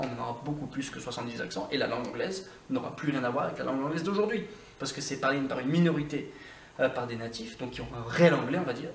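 A man's voice: mid-range voice, a little hiss or hum. A man giving a casual video lesson as an English teacher, talking straight to the viewer in an informal, coaching way. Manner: addresses the viewer directly and informally. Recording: roomy sound from a distance with faint ambience.

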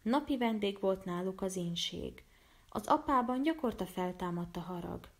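A woman narrating a storybook in an even, measured reading voice. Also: medium pitch, gravelly. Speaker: storyteller and illustrator.

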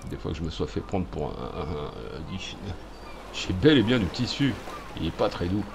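Sarcastic low-voiced let's-play host. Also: male voice, big pitch swings, normal speed, creaky, noisy background. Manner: jokey, sarcastic, muttering asides. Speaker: gaming video host.

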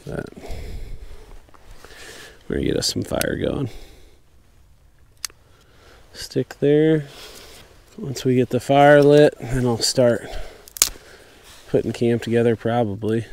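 A young man talks casually on a riverside sandbar at night, dry and easygoing as he comments on his rods. His voice sits at an ordinary middle pitch. A faint hiss of open-air noise runs under his voice from the camera mic. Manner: relaxed, wry self-talk while fishing. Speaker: fishing vlogger. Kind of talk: casual outdoor vlog narration. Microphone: camera-mounted mic, sometimes off-axis.

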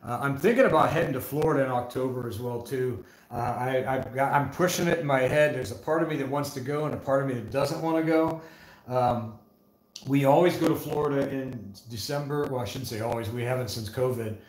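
A man's voice: medium pitch, brisk, roomy sound, rough recording. A man with a northeast Ohio accent hosting a casual livestream, joking around and reading viewer comments aloud in a folksy way. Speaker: livestream host.

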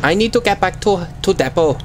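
A man's voice: high-pitched, expressive, fairly quick, a little hiss or hum, voice pushed up. A man voicing a hapless delivery driver who speaks in clipped broken English, in-character game roleplay over voice chat. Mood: sheepish. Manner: clipped broken-English phrases, dropped words.

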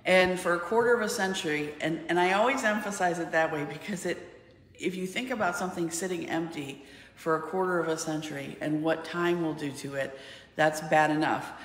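A middle-aged woman with a lowish voice speaks a little fast as an interview guest, explaining a history through storytelling. She is an outreach and networking representative, recorded indoors in a large, echoey, reverberant room.

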